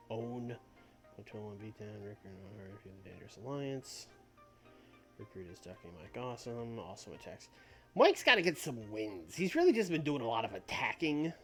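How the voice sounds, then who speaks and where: Streaming a simulation game, a man with a mid-range voice casually thinks out loud, rambling, restarting sentences and laughing at himself. Faint music plays in the background.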